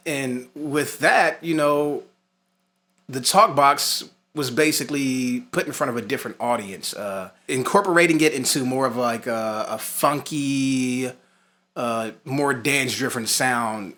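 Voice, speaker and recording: This talk box tutorial is led by its male instructor and host, whose medium-pitched voice has a slight brightness. His delivery mixes script with casual conversation, and he keeps emphasizing and restating the main points.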